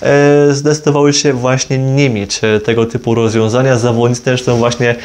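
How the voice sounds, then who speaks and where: Speaking at normal speed in a level, darkish, medium-pitched voice, a man in his 20s explains things informally to camera and keeps rephrasing and correcting himself. He makes motorsport videos and records in a small plain room with a jacket-clipped lavalier.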